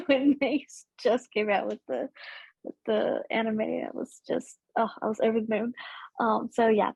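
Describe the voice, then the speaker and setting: A woman's voice: on the high side, vocal fry, a little mellow, dry recording. A woman guest chatting casually on a roundtable podcast, hesitant, with many ums and restarts. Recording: dull lo-fi audio.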